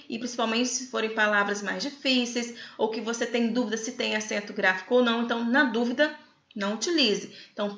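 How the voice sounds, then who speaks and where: A woman's voice: on the high side, creaky, bright, forceful tone. A middle-aged Brazilian woman with a Brazilian Portuguese accent, explaining a lesson to students in a chatty way and often checking that they follow. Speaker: writing teacher. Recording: echoey room, slightly dull sound.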